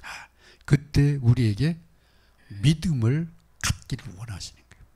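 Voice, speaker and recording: Husky-voiced male preacher. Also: medium pitch, expressive, unhurried. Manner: preaching, shifts between loud exhortation and hushed asides. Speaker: pastor. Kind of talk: sermon.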